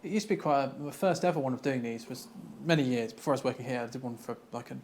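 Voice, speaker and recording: A man from cyber security, chatting casually and telling stories in an animated way with bursts of laughter. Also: medium pitch, rapid-fire, slight background noise. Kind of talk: casual discussion.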